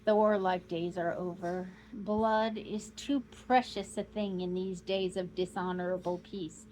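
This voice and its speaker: A woman reading aloud as a proud, boastful old male count, declaiming grandly and rising to loud outbursts. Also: lowish voice, little pitch movement, measured pace, a little hiss or hum, close to an everyday voice, poor audio.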